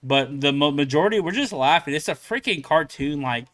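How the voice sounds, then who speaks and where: A man's voice: a little high, animated, fairly quick, a bit bright. A young man hosting a reaction channel, rambling casually with many fillers and laughs. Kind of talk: casual commentary.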